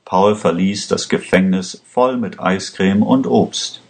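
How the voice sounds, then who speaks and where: A man reading a story aloud in a slow, measured way. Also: sits low, gravelly, a little mellow. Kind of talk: scripted storybook narration.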